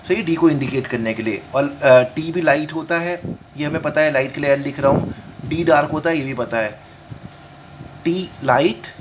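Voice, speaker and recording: A man's voice: on the high side, a little hiss or hum. Man teaching shorthand, repeating each point. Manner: repeats each point slowly, often asks and answers his own questions; mixes Hindi with English terms, reads rules out in English. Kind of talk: home lesson with explanations.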